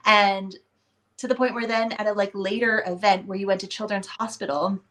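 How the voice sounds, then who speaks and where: A woman's voice: mid-range voice, steady tone, moderate pace, fairly bright tone. A woman co-host chatting in a reflective, talkative way, often saying "like.". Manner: chatty and reflective, with many "like" fillers. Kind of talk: casual conversation.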